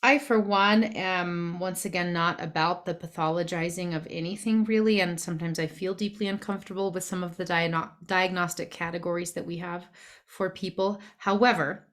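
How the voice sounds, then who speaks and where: A woman's voice: lowish voice, steady tone, moderate pace, fairly bright tone. A woman coach giving a thoughtful, explanatory presentation with frequent fillers. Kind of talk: presentation talk.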